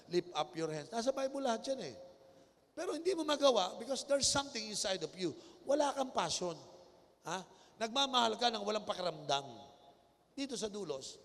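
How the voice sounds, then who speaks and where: A man's voice: high voice, fairly bright tone. A man with a Filipino accent preaching a sermon in a large convention hall, mixing Tagalog and English and calling for audience responses. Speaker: bishop preaching. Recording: long-echo auditorium.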